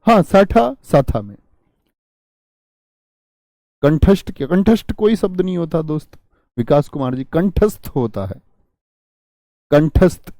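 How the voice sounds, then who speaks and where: A man teaches a live online grammar class, patiently repeating key words and answering students by name. His voice sits a little high but sounds mellow and warm. The recording is dry, with no room echo. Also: animated, a little slow, long pauses.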